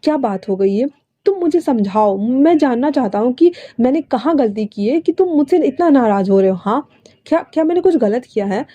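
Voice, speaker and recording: A woman voicing a caring, patient young man who coaxes and questions gently, read aloud in a storytelling retelling. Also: high-pitched, lively intonation, fairly quick, dull audio. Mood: coaxing. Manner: coaxing, pleading questions.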